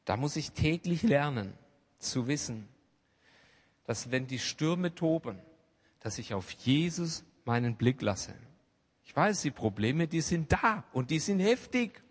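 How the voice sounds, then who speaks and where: A man delivers a sermon in a fairly high voice, with a long reverb trailing off the walls of a church hall. He shifts from quiet, close asides to loud, emphatic bursts. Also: big pitch swings, unhurried, breathy edge. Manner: swings between hushed asides and loud emphatic outbursts. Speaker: preacher.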